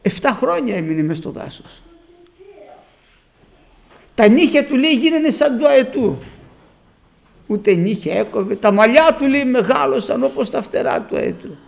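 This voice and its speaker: A man's voice: very high voice, creaky, pauses often. A man preaching a sermon, telling stories and acting out the people he quotes. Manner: storytelling, lively retelling with acted quotes.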